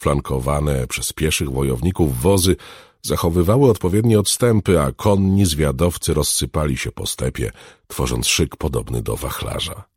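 A man narrating a fantasy novel as an audiobook, with expressive storytelling, recorded close on a studio mic. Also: rumbling low, normal speed, slightly rough, dry recording.

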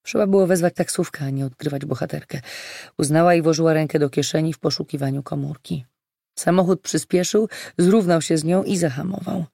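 An audiobook narrator reading a thriller in a steady, measured way. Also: mid-range voice, vocal fry, no room sound, studio quality. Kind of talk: scripted narration.

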